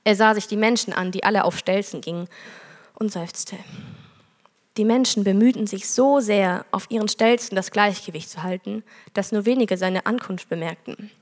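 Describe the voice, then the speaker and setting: A woman's voice: mid-range voice, moderate pace. Woman preaching in an echoey hall. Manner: earnest storytelling, reads scripture aloud. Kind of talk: sermon with a told parable.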